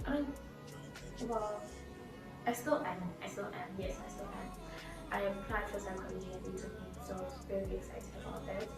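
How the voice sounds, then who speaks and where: Speaking a little fast at medium pitch, a twenty-year-old vlogger from South Africa rambles casually through her story, with plenty of fillers and restarts. A laptop or phone camera mic picks her up from a distance in an echoey room while music plays.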